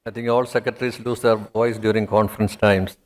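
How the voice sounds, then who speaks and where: A man's voice: on the low side, little pitch movement, fairly quick. A man moderating a conference panel with brief, matter-of-fact remarks.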